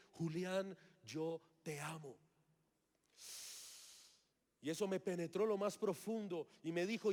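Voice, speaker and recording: A man's voice: sits high, darkish tone. A man, giving a sermon testimony and acting out his own past reactions as he tells the story. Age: 30s. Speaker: preacher.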